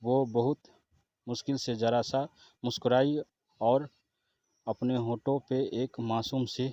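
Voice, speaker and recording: Slow, measured male storyteller. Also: mid-range voice, flat delivery, dark tone, dry recording. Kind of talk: scripted story narration. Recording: dull lo-fi recording with faint guitar.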